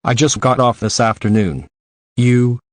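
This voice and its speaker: A man reading the part of a cool, guarded young female spy in a deadpan tone. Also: mid-range voice, a little slow, no room sound, natural voice.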